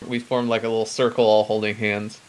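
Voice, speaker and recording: A man's voice: lowish voice, level tone, fairly quick, poor audio. A man talking casually as a player in a tabletop role-playing game, describing his character's actions.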